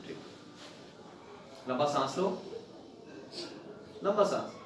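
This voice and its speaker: A male doctor examining a patient at the bedside, gently coaxing and repeating his instructions and praising the patient. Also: on the high side, lively intonation, slow pace, noisy background. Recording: very echoey ward, distant, crowd behind.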